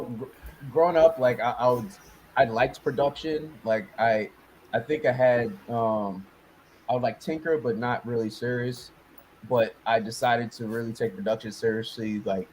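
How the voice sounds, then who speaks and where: A man's voice: medium pitch, a little mellow, a little hiss or hum, low-quality recording. Rambling man from New York, producer. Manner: loose, rambling, many fillers and restarts. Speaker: music producer. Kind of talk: casual interview chat.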